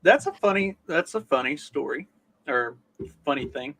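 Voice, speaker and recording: A man's voice: a little high, expressive, normal speed, heavy background noise. A man with a strong Southern US accent, co-hosting a podcast in easygoing, casual chat and telling stories. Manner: easygoing storyteller. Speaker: podcast co-host.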